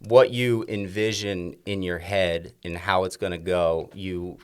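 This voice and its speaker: A man's voice: sits low, steady tone, measured pace, clean tone. A man, a chef and restaurant owner, talking casually in a podcast interview, rambling with many restarts and fillers.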